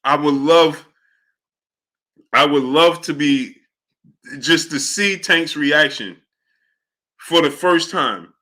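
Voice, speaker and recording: A man hosting a sports show, reacting to clips with excitable, laughing commentary and calling out to chat viewers. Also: fairly high pitch, slow, pauses often.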